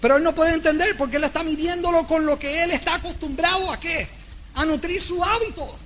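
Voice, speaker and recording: A man's voice: very high voice, fairly quick, slight background noise. A middle-aged man giving a motivational business talk to a live audience, telling stories and acting out dialogues. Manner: animated storyteller who acts out dialogues.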